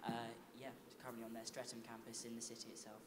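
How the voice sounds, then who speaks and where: Fast-talking young man, echoey and noisy. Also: medium pitch, level tone. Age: around 20. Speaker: panel speaker, second-year student. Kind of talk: brief self-introduction on a panel. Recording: echoey room, clear background noise.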